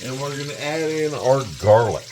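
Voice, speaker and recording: A cooking channel host chats away to his viewers from his home kitchen in a casual tutorial, calling them "guys" again and again. His mid-range voice is expressive and moves at a normal speed, with a noisy background behind him.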